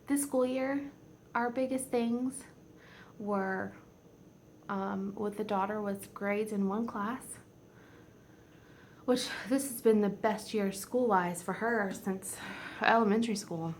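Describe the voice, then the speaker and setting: A woman in her forties, a home vlogger chatting casually, rambling and heartfelt and teary, often dropping to a soft near-whisper. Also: mid-range voice, steady tone, slow pace, long pauses, a little hiss or hum. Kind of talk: casual chat.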